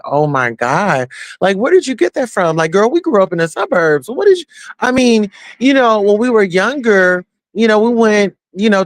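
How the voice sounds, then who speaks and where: A man with a high, smooth voice talks straight to his viewers in casual commentary. He is chatty and slangy, and keeps slipping into preachy asides. The sound is dry and close. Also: no room sound. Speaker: YouTube commentator.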